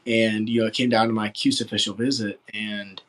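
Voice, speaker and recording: An earnest man in his late teens from West Virginia, answering an interview with a somewhat low voice. He rambles a little and leans on filler words as he talks. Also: level tone, fairly quick, fairly bright tone, rough recording. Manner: earnest, rambling, full of "you know" fillers. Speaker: football recruit interviewee.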